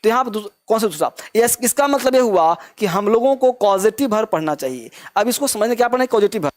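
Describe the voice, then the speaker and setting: A man's voice: high-pitched, animated, fast. A man teaches a spoken English class. He keeps firing the same questions back at his pupils and repeating the answer. He calls them "beta" in a fatherly way. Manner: drills students with repeated questions.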